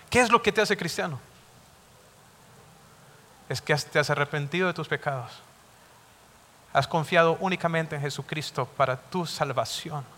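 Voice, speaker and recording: A man preaching a sermon, emphatic, building to loud, fervent pleading. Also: a little high. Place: church. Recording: long reverb of a church hall.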